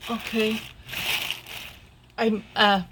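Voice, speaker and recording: A woman in a casual unboxing vlog, excited and gasping with delight, sometimes dropping to a hushed whisper. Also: a little high, drawn-out words, noisy background. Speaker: vlogger unboxing a package.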